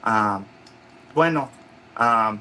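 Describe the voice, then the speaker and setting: Halting man with a bright voice. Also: mid-range voice, a little hiss or hum, poor audio. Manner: halting, many restarts and fillers, acts out quoted voices. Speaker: interview guest. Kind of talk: casual storytelling interview.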